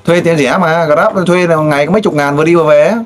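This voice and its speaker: A man interviewing a guest in a casual way, pressing with pointed, teasing questions and loud exclamations. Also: fairly high pitch, fast talker. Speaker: street interviewer.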